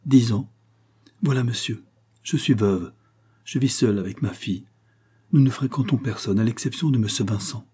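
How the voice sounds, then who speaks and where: A man's voice: medium pitch, normal speed, pauses often, dark tone, breathy edge. A man reading the part of a tearful widowed mother of about forty, who pleads and breaks off in sobs, in an audiobook. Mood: tearful pleading.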